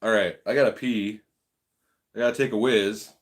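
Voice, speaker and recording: Laid-back, lower-voiced man chatting on a livestream. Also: fairly even intonation, moderate pace. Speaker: livestream host. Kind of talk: casual live-stream chat with viewers.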